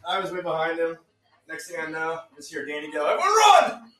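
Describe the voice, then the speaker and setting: A young man tells a story in a loose, joking way and laughs often. His voice sits a little high. He is a bit away from the mic in a roomy space, with music playing faintly behind. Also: little pitch movement, fast. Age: young adult. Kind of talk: casual group chat. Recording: echoey room, mic at a distance.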